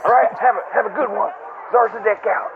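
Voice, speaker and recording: A man's voice: sits high, fairly quick, heavy background noise. A man leaving a goofy, jokey voicemail over a landline phone, with a tinny line and a crowd behind him. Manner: goofy, jokey, self-mocking. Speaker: caller leaving a comedy voicemail.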